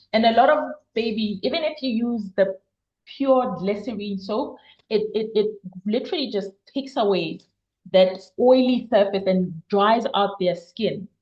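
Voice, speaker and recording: A woman's voice: a little high, reverberant, muffled recording. A woman giving health advice in a casual question-and-answer chat, explaining at length and repeating words for emphasis. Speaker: health guest expert.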